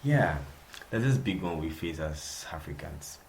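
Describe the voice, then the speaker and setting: A man's voice: very deep voice, animated, unhurried, vocal fry, darkish tone, a little hiss or hum. A young Nigerian man with a Nigerian accent, hosting a casual solo podcast, chatty and repeating himself, laughing often. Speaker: podcast host.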